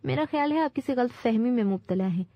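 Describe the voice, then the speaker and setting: A woman's voice: on the high side, lively intonation, no echo, pitched above the performer's own voice, lightly acted. A woman voicing a scheming nobleman whose words drip venom and who barks orders at servants. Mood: cold. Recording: dull dry recording.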